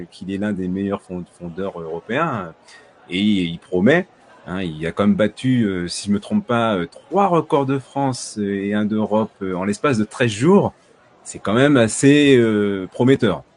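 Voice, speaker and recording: A man's voice: fairly low pitch, a little mellow. A man hosting a casual sports news podcast, chatty and full of hesitations, restarts and jokey asides to his listeners. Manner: hesitant, heavy fillers and restarts. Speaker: podcast host.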